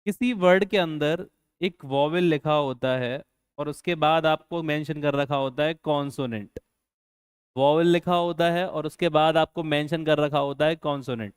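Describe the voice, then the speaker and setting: A man's voice: a little high, clear, resonant tone, no room sound, clean studio sound. A man teaching a grammar lesson, asking his students rhetorical questions and repeating key points. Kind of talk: classroom-style grammar lesson.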